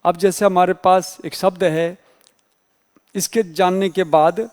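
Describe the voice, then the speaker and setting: A man's voice: high-pitched, flat delivery, a little slow, big-room sound. A male teacher giving an exam-prep grammar lecture, explaining patiently and spelling out letters one by one.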